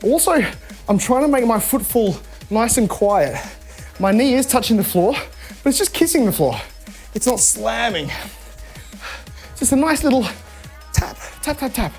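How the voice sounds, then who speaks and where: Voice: medium pitch, expressive, a little slow, vocal fry, pauses often, darkish tone, soft background music. An instructor coaching a live home workout, chatty and encouraging while demonstrating the moves. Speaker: fitness instructor.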